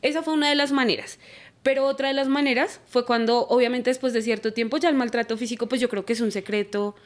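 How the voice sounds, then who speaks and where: Animated young woman, fairly high. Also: fast talker. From Colombia. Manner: animated, acts out quoted dialogue. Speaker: guest. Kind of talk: testimony in a church podcast.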